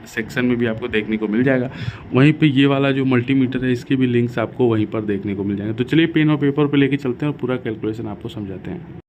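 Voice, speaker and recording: A young man from India hosting a tech channel, talking viewers through measurements and a bill calculation step by step in a casual explainer style, recorded in a room at home. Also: medium pitch. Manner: addresses viewers directly, explains numbers step by step. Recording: slightly dull with faint noise.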